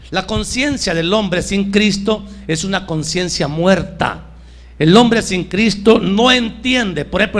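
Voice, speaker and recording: A middle-aged man preaching a sermon as pastor, rising to emphatic peaks and dropping to soft low asides. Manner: fervent preaching, swings between raised emphatic lines and soft low asides.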